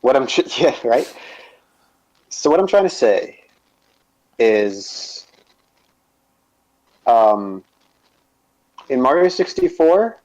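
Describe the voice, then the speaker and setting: A man co-hosting a casual gaming podcast, talking haltingly with many fillers and restarts. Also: mid-range voice, sing-song, darkish tone. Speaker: podcast co-host. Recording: dull lo-fi podcast audio.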